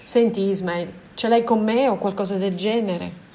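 A woman's voice: mid-range voice, steady tone, normal speed, warm tone, slight background noise, lightly acted. Woman reading as an anxious, insistent man. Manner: pleading, insistent questions. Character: pleading, insistent young man, anxious and stubborn.

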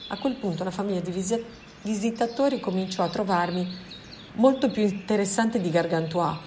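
A woman narrating a novel aloud as an audiobook reading, in a calm, measured way. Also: mid-range voice, slight background noise. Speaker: reader.

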